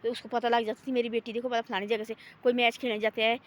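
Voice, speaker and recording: A woman's voice: on the high side, level tone, racing. Woman rambling outdoors in the woods, homely, repeats herself, gives little life lessons. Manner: homely, repetitive, gently moralizing. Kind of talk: casual rambling talk. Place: outdoors in a forest.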